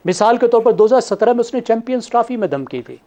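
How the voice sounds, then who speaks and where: A man giving measured panel analysis, laying out his points one by one. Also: very high-pitched, lively intonation, mellow. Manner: methodical, counts points in order.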